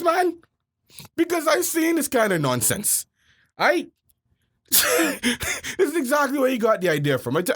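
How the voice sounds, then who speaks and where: A man co-hosting a casual podcast, mocking and ranting with frequent laughter. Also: very high voice. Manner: laughs often, mocking and animated. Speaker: podcast co-host. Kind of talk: casual comedic rant.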